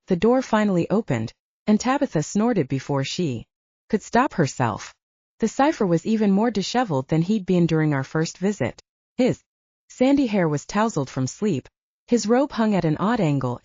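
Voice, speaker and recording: A woman narrating an audiobook in an expressive storytelling way. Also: fairly low pitch, dry recording. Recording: dull lo-fi.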